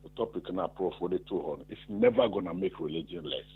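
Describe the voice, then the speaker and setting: Calling a radio talk show over a tinny phone line, a man with a Ghanaian accent argues emphatically, switching between Twi and English. His voice is low, fast and slightly rough.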